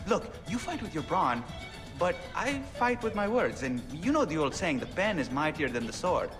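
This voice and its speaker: In this video game cutscene, an actor voices a young pirate-radio DJ, a male host character with a fairly high-pitched voice. He's excited, chattering fast and animatedly in slang while promoting himself. The game audio carries music and hall reverb.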